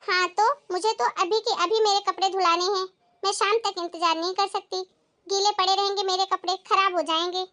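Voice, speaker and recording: A spoiled young daughter whines and demands, as a woman acts her out in a moral story, her voice climbing very high and sharp. She complains shrilly and never lets up. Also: fairly even intonation, fairly quick. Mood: demanding.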